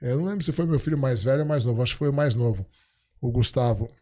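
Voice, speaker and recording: A middle-aged man, a podcast guest, chatting casually and telling stories, acting out the dialogue he quotes in an animated way. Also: medium pitch, fast. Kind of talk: casual storytelling chat.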